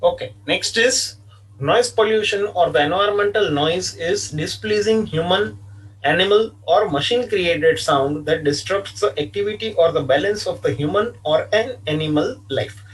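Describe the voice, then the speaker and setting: A man delivers an online class lecture in a fairly high voice. He explains step by step, repeats points, and often says "okay". The mic sits some distance away, so he sounds distant. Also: normal speed. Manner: repetitive, explanatory, frequent "okay" fillers.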